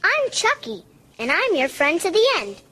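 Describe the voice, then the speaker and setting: A man voicing a childlike killer doll, too calm and friendly in a creepy, slow way. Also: very high voice, pitched above the performer's own voice, heavily acted. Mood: eerily cheerful.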